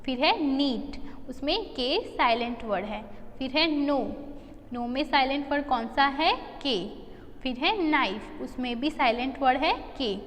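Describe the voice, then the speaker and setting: A woman teacher with an Indian accent giving an English lesson, reading the English slowly word by word and explaining in Hindi. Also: high-pitched. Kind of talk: recorded classroom lesson. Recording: faint hiss, long echo.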